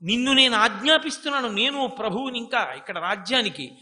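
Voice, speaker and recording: A man voicing an aged, grieving king who pleads with and commands his charioteer, loud and insistent. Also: very high voice, animated, brisk, full character voice. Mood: anguished command. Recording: long hall reverb.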